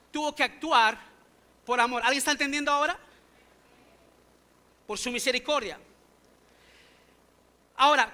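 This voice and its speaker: With an extremely high-pitched, bright and forceful voice, a male pastor delivers an emphatic sermon in a church sanctuary. He peppers the congregation with rhetorical questions, speaking in a language other than his native English.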